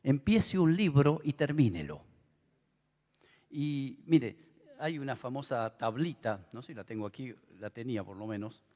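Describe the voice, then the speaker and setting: A man's voice: mid-range voice, expressive, a little slow, dark tone, lo-fi sound. A middle-aged man with an Argentine accent, preaching a sermon in a conversational style with asides to the audience. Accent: Argentine Spanish. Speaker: pastor. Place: large convention hall. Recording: long reverb of a big hall.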